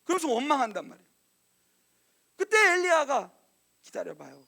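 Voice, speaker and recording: A man preaching a sermon as a youth pastor. He tells the story in a conversational, animated way and speaks to the congregation directly. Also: brisk. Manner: animated storytelling, acting out quoted lines in a hushed lower voice.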